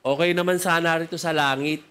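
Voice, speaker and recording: Preacher playing a chatty Filipino politician, high and quick. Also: male voice, fairly even intonation, sharp tone, clean tone. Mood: chatty, puzzled. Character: cheerful male politician in the afterlife, chatty.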